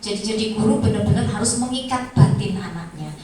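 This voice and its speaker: A middle-aged woman, a kindergarten teacher giving a lively lecture to students, storytelling with acted-out voices and frequent laughs. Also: medium pitch, brisk. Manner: animated storytelling, acts out voices, laughs often. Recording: echoey room, voice from far off.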